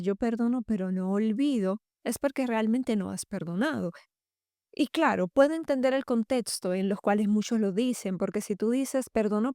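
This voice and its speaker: A woman with a soft, mellow voice hosts a faith podcast for women. She reads a passage from a book and then reflects on it in a calm, measured way. The recording is dry and close, with no room echo. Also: mid-range voice. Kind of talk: reading aloud from a book and commenting.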